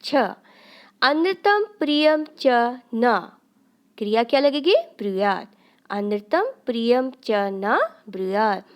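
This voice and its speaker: A woman teaching a recorded Sanskrit grammar lesson. Her voice sits a little high, and she talks slowly and deliberately. She explains each point step by step, asking questions and then answering them herself. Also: lively intonation.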